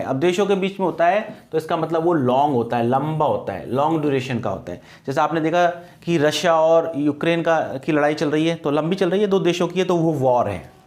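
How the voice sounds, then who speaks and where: A man teaching an English grammar and vocabulary lesson for exam preparation, asking questions and answering them himself to drill key words. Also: fairly high pitch. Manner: repeats key words as questions to students, explains patiently.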